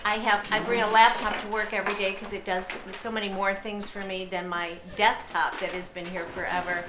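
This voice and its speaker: A woman's voice: medium pitch, level tone, fairly quick. A woman chatting casually and unscripted about her own workspace, as the client being helped. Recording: echoey room with clear background noise.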